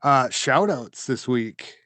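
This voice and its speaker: A man co-hosting a gaming podcast, chatting casually and trailing off as he rambles through shout-outs. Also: mid-range voice, takes it slowly, dry recording. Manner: relaxed, rambling, trails off softly. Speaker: podcast co-host. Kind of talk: casual chat.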